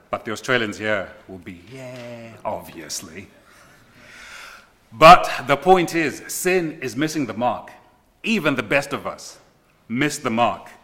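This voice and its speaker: Bright-voiced slow, emphatic male preacher. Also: fairly low pitch. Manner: emphatic repetition of key phrases; slow deliberate delivery with dramatic pauses. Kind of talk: sermon.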